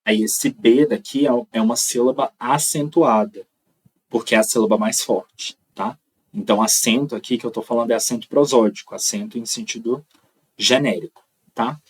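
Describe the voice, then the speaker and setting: A man's voice: mid-range voice, normal speed, husky, distant mic, low-quality recording. A man with a Brazilian accent teaching an online lecture, explaining step by step and checking in with frequent "tá?". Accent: Brazilian Portuguese.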